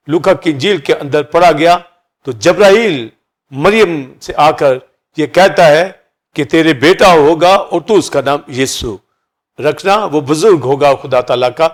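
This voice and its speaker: A pastor preaches a sermon, explaining key words by listing several meanings for each. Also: male voice, on the high side. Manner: teaching, repeats synonyms for each key word.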